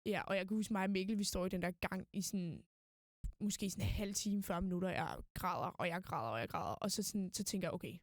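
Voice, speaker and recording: A woman's voice: medium pitch, no echo, studio quality. A young woman, a student guest on a podcast, telling a long personal story in a casual way, full of fillers and quoted thoughts. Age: young adult. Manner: rambling, full of fillers and quoted inner speech.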